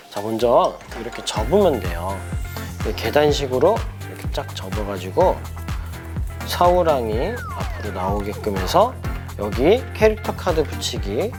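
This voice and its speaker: Speaking in a mid-range voice, a young man from a church school leads a children's craft lesson, asking questions and exclaiming playfully.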